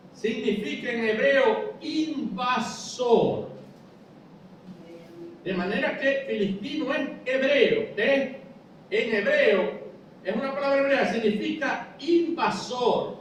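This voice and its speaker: High-pitched male preacher teaching, lots of rhetorical questions, faint rumble behind, far from mic. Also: heavy reverb. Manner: explanatory preaching, rhetorical questions, addresses listeners as brother. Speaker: pastor. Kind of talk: sermon. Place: church.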